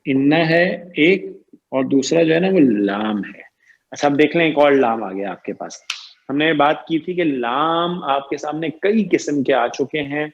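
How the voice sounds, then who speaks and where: A man's voice: a little high, expressive, highs cut off, a little hiss or hum. A man teaching Arabic grammar in an online lecture. He stretches out key terms and keeps quizzing his students. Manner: repeats "ٹھیک ہے جی" and "صحیح ہے جی" often.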